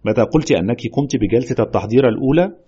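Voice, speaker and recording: A man playing a husky, shrewd doctor. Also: mid-range voice, muffled recording. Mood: analytical. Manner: measured, reasoning, lively. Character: calm, shrewd male doctor investigating a haunting. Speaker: doctor listening to a patient's story. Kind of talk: audio horror drama.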